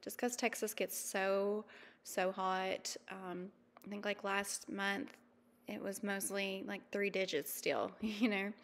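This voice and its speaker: A woman in her thirties narrating a travel vlog in a chatty, easygoing way, with frequent ums and quick laughs. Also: medium pitch, flat delivery, a bit bright, big-room sound. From mountain region. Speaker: vlogger. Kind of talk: casual voice-over narration.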